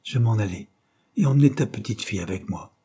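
A man voicing a grave older Quaker woman in an audiobook, speaking quietly and plainly. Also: fairly low pitch, animated, quick pace, husky.

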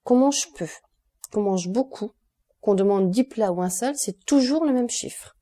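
A woman doing a deadpan mocking bandit. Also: medium pitch, a little slow, natural voice. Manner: cool, deadpan mockery. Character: calm mocking male bandit jailer.

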